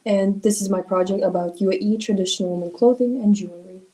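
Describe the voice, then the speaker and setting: Woman, student presenter heard over a video call; warm, mellow tone and an earnest, halting delivery. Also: medium pitch, poor audio. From Russia. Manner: earnest, with frequent "uh" pauses. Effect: on a video call, sharing her screen. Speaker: student presenting a school project. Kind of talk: online project presentation.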